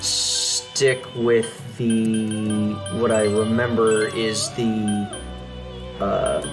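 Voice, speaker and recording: Low-pitched man doing casual game commentary. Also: flat delivery, extremely slow. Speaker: let's play host. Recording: loud game music behind voice.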